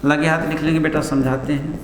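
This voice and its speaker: A man's voice: on the high side, level tone, brisk. A man teaches a classroom grammar lesson, calling his students "beta" and answering his own questions. He stretches vowels long to show them. The room is echoey, with a long reverb tail and a mains hum behind him.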